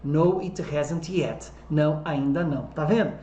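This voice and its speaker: Mellow Brazilian English teacher, echoey room. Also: mid-range voice. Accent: Brazilian Portuguese. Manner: slows down to model English sentences, quick in Portuguese explanations. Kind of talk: online English lesson.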